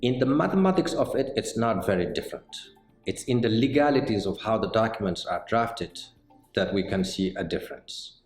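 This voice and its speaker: In an indoor office set lined with bookshelves, a middle-aged Senegalese mortgage banker answers interview questions about his work. His very low voice has lively intonation, and he explains things in a measured way, often pausing on "uh." The sound is roomy, with soft music faintly beneath.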